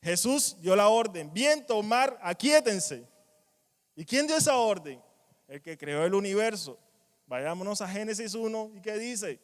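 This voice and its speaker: A man preaching a sermon in a church, animated, acting out quoted cries and dropping to quiet asides. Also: high-pitched, normal speed. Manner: animated, acts out quoted voices, strong swings in loudness. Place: church hall. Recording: long church reverb.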